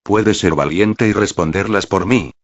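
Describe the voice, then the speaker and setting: A man reading as a kind, patient young officer. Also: a little slow. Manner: low and calm. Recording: dull, dry lo-fi recording.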